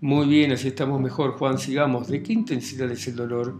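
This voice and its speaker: A man's voice: medium pitch, flat delivery, fairly quick, darkish tone, faint music behind, lightly acted. A man voicing a young female phone operator who is polite but fussy and procedural.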